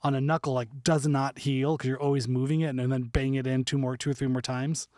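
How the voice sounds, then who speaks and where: A middle-aged man co-hosting a podcast in casual chat, acting out other people in an animated, jokey way. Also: fast, dry recording, clean studio sound. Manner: animated storyteller, acts out others in high voices. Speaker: podcast co-host.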